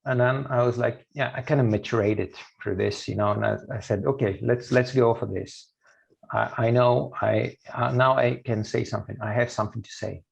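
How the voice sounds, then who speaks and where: A man in his late thirties speaking as a guest in a casual interview, halting, with many fillers and restarts. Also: medium pitch, fairly even intonation, gravelly, breathy edge, poor audio. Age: late 30s. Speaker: guest musician.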